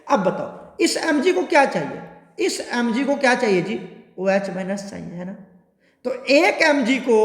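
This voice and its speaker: High-voiced chemistry teacher, echoey. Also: male voice. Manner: coaxing, keeps asking students if it is clear. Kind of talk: classroom lecture. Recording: echoey room with long reverb.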